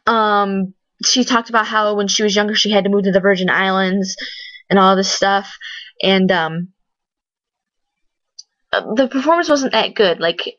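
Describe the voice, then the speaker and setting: A woman's voice: mid-range voice, a bit bright, no echo. Blunt chatty woman, dull dry recording. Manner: blunt, chatty, many fillers and restarts. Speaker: vlogger reviewing a TV talent show. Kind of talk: casual opinionated review.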